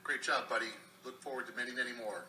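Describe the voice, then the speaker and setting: A man's voice: medium pitch, steady tone, fast talker, bright, forceful tone. A man recording a friendly video message with a cave-like echo, earnest and calling the listener brother and dude. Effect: echoey, cave-like sound. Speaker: friend sending a congratulation video.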